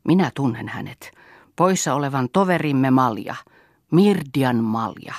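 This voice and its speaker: A man's voice: mid-range voice, animated, dry recording, clean studio sound, natural voice. A man voicing an older male veteran reveler who gives a solemn, sentimental toast.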